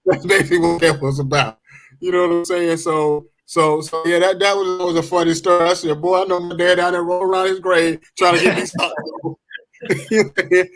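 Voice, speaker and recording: A man's voice: high voice, level tone, fairly quick, a bit bright, rough recording. A man co-hosting a sports podcast in casual chat, laid-back and repeating himself. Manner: laid-back, repeats phrases, laughs often. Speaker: podcast co-host.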